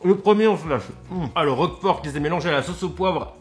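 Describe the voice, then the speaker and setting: A young man hosts a casual cooking and eating vlog from his home kitchen, loud and exclamatory with a quick sense of humor and casual swearing. His voice sits quite high for a man. Faint music plays softly behind him. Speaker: food YouTuber.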